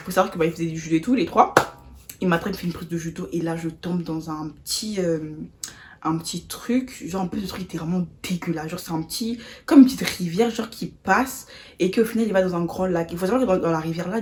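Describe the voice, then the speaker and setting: A young adult woman vlogger telling a storytime while eating. She talks in animated, slangy bursts, sometimes with her mouth full, and acts out the people she quotes, swinging from loud to soft. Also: on the low side, quick pace. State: mouth full of food at times.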